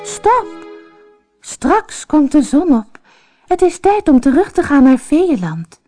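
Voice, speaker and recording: A woman voicing a regal fairy queen who calls out in a high, urgent voice, in a storybook reading. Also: lively intonation, a little slow, dark tone, no echo, clean studio sound, faint music behind.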